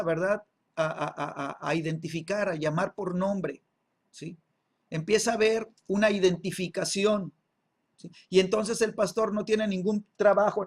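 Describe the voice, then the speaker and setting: A man teaching an online Bible class, checking in with listeners through constant tag questions and repeating words while he searches for the next one. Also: high-pitched. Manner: peppers speech with tag questions.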